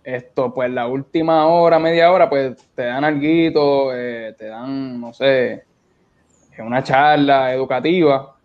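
With a medium-pitched, fairly even voice and an unhurried pace, a young Puerto Rican man with a Puerto Rican accent talks colloquially as a guest in a casual interview. He organizes beach cleanups and joins by video call from an indoor room, with dull, lo-fi audio.

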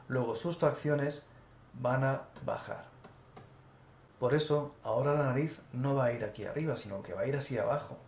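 A man calmly talking through each step as he draws, narrating an animation tutorial. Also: medium pitch. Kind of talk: screen-recorded drawing tutorial. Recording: echoey room with faint noise.

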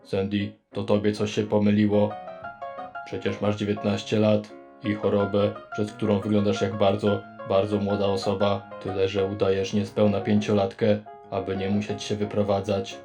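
Robot voice, a beeping cartoon-game robot helper, very deep, dead flat, gravelly, music playing behind. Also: moderate pace. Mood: robotic. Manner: beeps before speaking, stiff and literal. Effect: low monotone robot voice. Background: background music.

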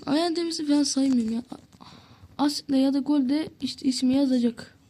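A woman giving casual commentary on a soccer game to viewers, excitable and cursing at the play. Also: high-pitched, brisk, slight background noise. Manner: excitable, swears and groans at the game. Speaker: gameplay commentator.

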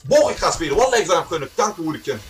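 A young man live-streaming a game, who bursts into shouted, raging streams of swearing. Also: on the high side, big pitch swings, very fast, faint music behind. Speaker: livestreamer. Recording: distant mic with noisy background.

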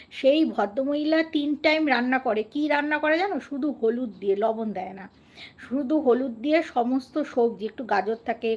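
A woman from West Bengal chatting casually and earnestly with viewers on a live stream, often asking them questions. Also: sits high.

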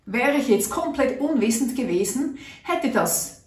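A middle-aged woman from Switzerland, known for natural health vlogging, sits at a small room's table and shares a personal story with the camera in an earnest, chatty style, performing her own thoughts. Her voice is fairly high, animated and a little slow, and the mic is far away, giving a roomy recording.

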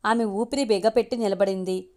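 A woman's voice: mid-range voice, steady tone, fairly quick, darkish tone. A young woman reading a love story aloud as a storyteller, voicing every character's dialogue in her own voice.

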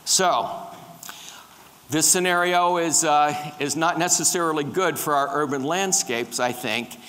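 A man's voice: a little high, a little slow, a bit bright. Man lecturing in a reverberant hall. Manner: engaging, quizzes the audience. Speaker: conference speaker on tree pests. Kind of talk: lecture with slides. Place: large dark conference hall with a stage.

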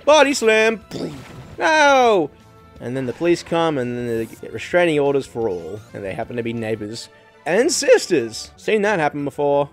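A man giving casual, profane let's-play commentary as a gaming channel host, swinging to loud excited outbursts. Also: medium pitch.

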